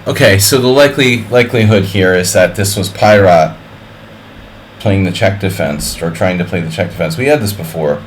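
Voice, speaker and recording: A deep-voiced man at normal speed gives live-stream commentary on his chess simul, calling moves and thinking aloud. His manner is wry and offhand, full of jokes and wordplay for viewers, with slight background noise.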